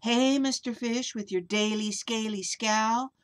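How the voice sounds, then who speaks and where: A woman voicing a perky sea creature in a storybook, coaxing and gently scolding with a lifted delivery. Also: a little high, steady tone, measured pace, pitched above the performer's own voice, natural voice. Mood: coaxing, chiding.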